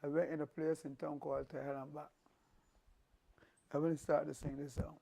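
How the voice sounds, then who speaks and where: An older calypsonian, a guest in a casual interview, tells rambling stories in a slightly high, creaky and somewhat rough voice at normal speed. His storytelling is animated and keeps restarting.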